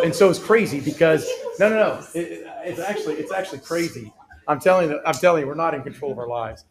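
A man speaks as a guest at a parish student gathering, giving his personal testimony. He tells it earnestly and informally, circling back with restarts and side remarks. His voice sits in an ordinary middle range. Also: mid-range voice. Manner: earnest storytelling with many restarts and asides. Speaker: guest speaker at a campus ministry. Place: parish student center talk.

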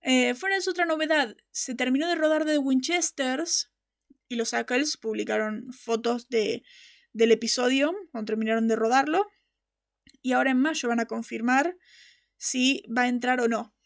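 High-pitched, gravelly woman. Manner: passionate, emphatic, laughs often. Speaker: podcast host. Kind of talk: casual fan-show chat.

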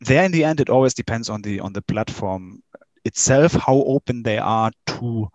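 Man, interview guest, hesitant, many fillers, mid pitch, dry sound. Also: a little mellow, no echo, muffled recording. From Germany. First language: German. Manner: halting, many fillers and restarts. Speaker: interview guest, game company staff. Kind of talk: casual interview answers.

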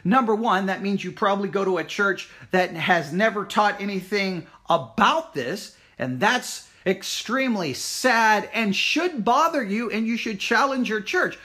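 Speaking straight to his audience in an informal way, this Baptist church Bible teacher sounds a bit bright, and his pitch rises and falls expressively. He's emphatic and challenging, driving points home through rhetorical questions and repetition.

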